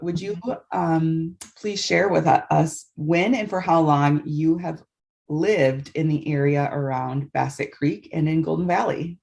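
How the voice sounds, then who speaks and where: A woman's voice: deep voice, steady tone, unhurried, gravelly, a little mellow. An American woman conducting an oral history interview, politely asking questions and listening attentively.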